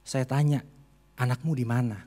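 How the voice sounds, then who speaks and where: A man's voice: medium pitch, fairly even intonation, normal speed, dark tone, in a large hall. A male pastor preaching a heartfelt sermon in a church, telling a personal story to his congregation. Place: church sanctuary during a service.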